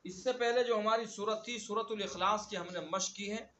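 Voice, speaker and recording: Male recitation teacher, high bright voice, slow chanted verses, drills words by repeating them, dull lo-fi recording. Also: steady tone, echoey room. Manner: slow drawn-out recitation of verses between quick explanations. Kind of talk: online tajweed lesson.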